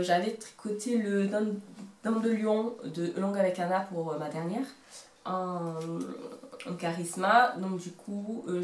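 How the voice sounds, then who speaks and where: A woman in her thirties with a Marseille accent chatting casually about her knitting, rambling and hesitant, with self-mocking humor. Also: lowish voice. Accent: Marseille French. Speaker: knitting vlogger. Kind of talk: casual show-and-tell chat. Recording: roomy echo.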